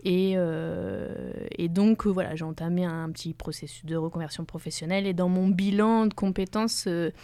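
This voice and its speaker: A woman's voice: lowish voice, steady tone, moderate pace, few pauses, warm tone, no echo. A woman speaking as a guest in a radio interview, hesitating often, with many fillers and restarts.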